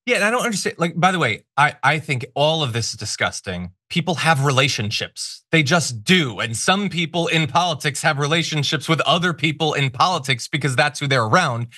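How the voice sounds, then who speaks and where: Male political commentator, very animated, indignant and sarcastic, dry studio sound. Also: on the high side, fairly quick, few pauses, no echo. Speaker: political talk show host. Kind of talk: opinionated news commentary.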